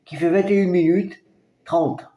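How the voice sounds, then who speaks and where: A man from France casually presenting his record collection, halting and hesitant, with many fillers. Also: high voice, steady tone, warm tone, echoey room. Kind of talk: casual collection show-and-tell.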